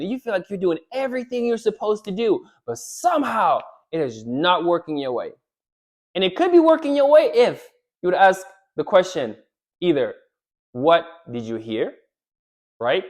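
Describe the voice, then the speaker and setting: A man giving relationship advice straight to the camera, animated, often checking in with "right?" and acting out what a wife might say. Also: a little high. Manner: animated, repeats "right?", acts out quoted lines. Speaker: relationship coach. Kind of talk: direct-to-camera advice talk.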